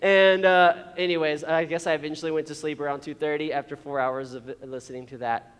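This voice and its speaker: A youth pastor telling stories in a casual, chatty sermon, laughing often and checking in with "okay?". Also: male voice, on the high side, level tone, brisk, fairly bright tone, clean tone. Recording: long hall reverb.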